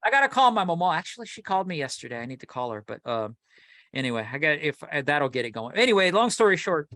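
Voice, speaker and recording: A man's voice: fairly high pitch, quick pace, no room sound, studio quality. A man co-hosting a collecting podcast in casual chat, rambling and restarting as he tells his stories. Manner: animated, rambling with many restarts. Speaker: podcast co-host.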